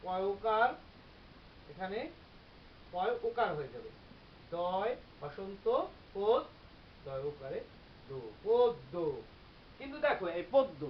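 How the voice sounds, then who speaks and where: A teacher giving a grammar lecture, explaining step by step and repeating example words slowly. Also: mid-range voice, sing-song. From Bangladesh. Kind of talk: classroom-style grammar lecture. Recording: slightly dull recording with faint hiss.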